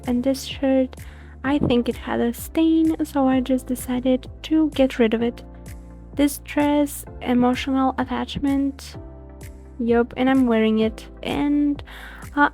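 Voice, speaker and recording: A woman's voice: high-pitched, dark tone. A woman in her twenties chatting casually as a vlogger, rambling and poking fun at herself. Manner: chatty, rambling, self-deprecating. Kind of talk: casual vlog chat.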